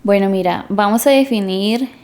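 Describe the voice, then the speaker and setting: A woman co-hosting a podcast, calmly explaining step by step in casual chat and putting questions to the others. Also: mid-range voice, moderate pace. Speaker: podcast co-host explaining grief.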